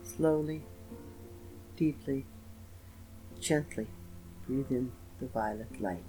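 A man's voice: medium pitch, low-quality recording. Soothing man guiding meditation over music. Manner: slow, gentle, soothing delivery with pauses. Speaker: guided meditation narrator. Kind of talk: scripted guided meditation. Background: soft instrumental music with guitar.

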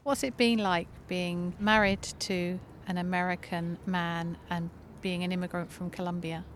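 A woman's voice: fairly low pitch, level tone, normal speed, a little hiss or hum. A woman interviewer asking curious, lightly teasing questions.

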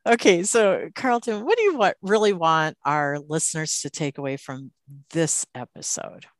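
Female podcast host, lower pitch, dry recording, inquisitive and laughs easily. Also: animated, normal speed, dry recording. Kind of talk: conversational podcast interview.

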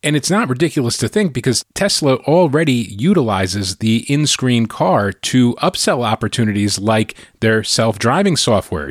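A man's voice: medium pitch, no room sound. Conversational male podcast host, dry sound. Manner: conversational, explanatory, with frequent tag questions. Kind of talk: solo podcast monologue.

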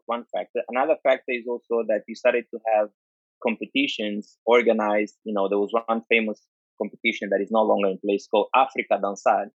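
A man with an Angolan accent talks informally, explaining things in a conversational way. His pitch is average for a man, and he often repeats and lists words for emphasis. The recording is somewhat dull and lo-fi. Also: no echo. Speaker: dance culture speaker.

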